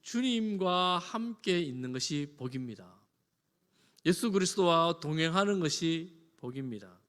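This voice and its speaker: A man, a pastor, preaching a sermon. He moves from loud emphasis to soft, conversational asides with homely examples. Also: fairly high pitch, lively intonation, unhurried. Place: church sanctuary. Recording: long reverb of a church hall.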